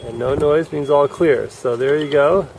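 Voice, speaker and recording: Standing on a yacht club dock outdoors, a man provides live coaching commentary on a sailing race, explaining the rules as boats go by. His voice is a little high, a little slow, gravelly and somewhat dark, with faint wind noise in the background.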